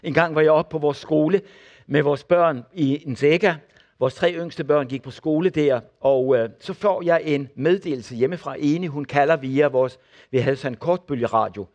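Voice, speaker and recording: A man's voice: a little high, muffled recording. An older man preaching, telling testimony stories and acting out the people in them. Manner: animated storyteller acting out the people in his stories. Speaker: preacher and former missionary. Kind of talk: sermon testimony.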